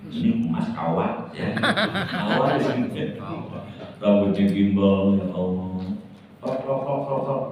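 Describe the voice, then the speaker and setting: A man preaching a sermon in a prayer room, with an animated delivery that swings between loud exclamations and quiet asides. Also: lowish voice, slight background noise. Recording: echoey hall from far off, dull sound.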